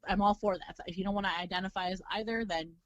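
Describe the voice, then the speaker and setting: A young woman from California talking as a podcast guest in animated, chatty casual conversation, full of fillers. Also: mid-range voice, fast, no echo, lo-fi sound. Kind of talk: casual chat.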